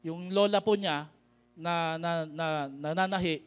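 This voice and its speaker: Filipino pastor guy, high voice, preaching and reading bible verses slow and punchy. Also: steady tone. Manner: preaches in mixed Tagalog and English, calling out to the congregation; reads scripture slowly and emphatically. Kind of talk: sermon.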